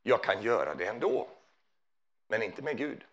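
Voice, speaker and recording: A man's voice: fairly low pitch, big pitch swings, fairly bright tone. A man preaching a sermon in a conversational way, often putting questions to his listeners.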